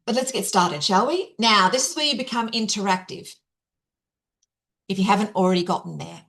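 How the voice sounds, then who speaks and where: A woman's voice: medium pitch, normal speed, creaky, a bit bright. A woman, middle-aged, giving a chatty, upbeat keynote over a video call and talking straight to her audience. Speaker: keynote speaker. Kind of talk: interactive online workshop presentation.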